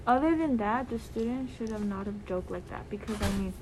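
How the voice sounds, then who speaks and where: A woman's voice: medium pitch, fairly quick, noisy background. A teenage girl co-hosting a student podcast, talking in casual chat and rambling with lots of "like" fillers. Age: teens.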